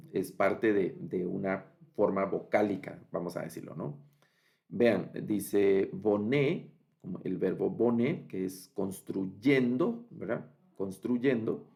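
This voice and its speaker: A man teaching a recorded online lesson, speaking slowly, repeating word forms and pausing with fillers. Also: on the low side, vocal fry, a little mellow. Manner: slow and repetitive, spells out forms with many fillers. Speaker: biblical Hebrew teacher.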